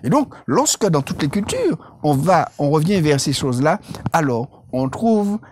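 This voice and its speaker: A woman co-hosting a Bible study discussion, speaking in a measured, explanatory way and quoting scripture. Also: low-pitched, big pitch swings, a little mellow, a little hiss or hum. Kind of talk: religious lesson discussion.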